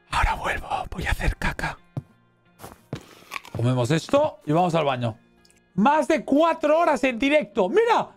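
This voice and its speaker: A man with a Spain Spanish accent giving excitable, exclamatory let's play commentary as a gaming streamer. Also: sits high, gravelly. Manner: excitable, exclamatory, cheering and reading chat aloud.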